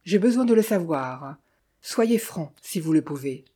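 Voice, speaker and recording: A woman's voice: low-pitched, animated, a little slow, dark tone, slightly rough, full character voice. Curt young man posing as detective, read by a woman. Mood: tense. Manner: curt, clipped, through clenched teeth.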